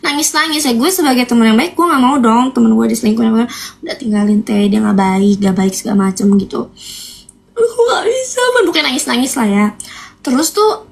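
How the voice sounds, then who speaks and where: High-voiced young woman telling stories. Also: fairly quick, gravelly. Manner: animated, emphatic, keeps asking viewers. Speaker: livestreamer. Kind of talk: casual storytelling on a live stream.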